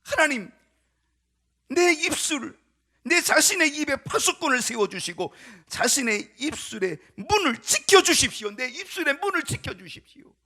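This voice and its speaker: A man's voice: extremely high pitch, big pitch swings, moderate pace, pushed and bright, pitched above the performer's own voice, heavily acted. A male preacher voicing a distressed old king who cries out in prayer and complaint, pleading and heated.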